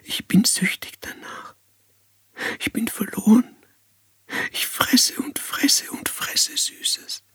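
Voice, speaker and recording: A man's voice: sits high, slow, pauses often, sharp tone, breathy edge, voice pushed up, full character voice. A man voicing a timid, ashamed young woman in an anxious, breathless whispered role-play. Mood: confessing.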